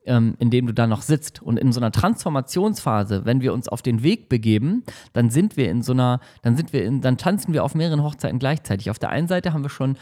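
Animated man giving casual motivation. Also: mid-range voice, fast, hardly any pauses. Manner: animated, slangy, acts out whiny coworkers.

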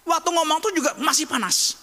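A man's voice: extremely high pitch, lively intonation, quick pace, pushed and bright, big-room sound. A man preaching a sermon as pastor, talking emphatically in a conversational way and asking rhetorical questions.

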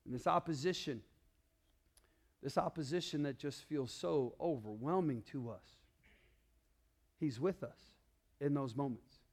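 A male pastor preaching a sermon, calling out to the congregation and swinging between loud declarations and hushed, low passages. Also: measured pace, pauses often. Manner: calls out to the congregation.

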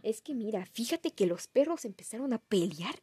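A woman's voice: fairly high pitch, sing-song, moderate pace, warm tone, breathy edge, no echo, full character voice. A young woman with a Mexican accent quoting her flustered middle-aged father as he makes excuses. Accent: Mexican Spanish.

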